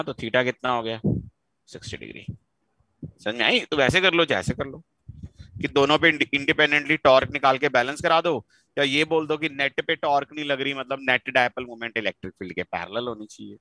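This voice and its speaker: A man's voice: medium pitch, pushed and bright, no echo, rough recording. A man teaching a physics class in a mix of Hindi and English, quizzing students to draw out answers. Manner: questioning, coaxing students to answer; mixes Hindi with English terms. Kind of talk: live online physics class.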